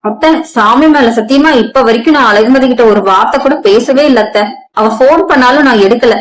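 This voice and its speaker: A woman's voice: a little high, fairly quick, lightly acted, poor audio. A woman doing a meek, pleading daughter-in-law. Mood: pleading sorrowful. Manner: pleading and sorrowful.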